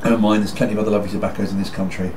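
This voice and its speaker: A British man rambling casually to camera as a video blogger, in a musing, halting, self-deprecating way. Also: lowish voice, flat delivery, background noise. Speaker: video blogger on pipe smoking.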